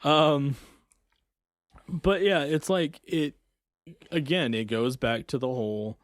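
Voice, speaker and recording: A man co-hosting a podcast, chatting loosely and circling back over his own points. His voice sits at an ordinary middle pitch. The sound is close and completely dry, with no room around it. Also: slow, dry recording. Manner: rambling, trails off and restarts. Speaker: podcast co-host. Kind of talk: casual chat.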